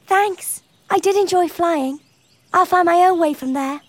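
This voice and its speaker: A woman voicing Thumbelina, a tiny, gentle, polite young girl with a soft, hesitant manner. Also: very high-pitched, a little slow. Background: music.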